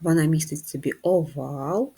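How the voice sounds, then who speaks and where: A woman teaching a handwriting lesson to first graders, patient and slow, guiding the children step by step. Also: deep voice, warm tone, breathy edge. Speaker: primary school teacher.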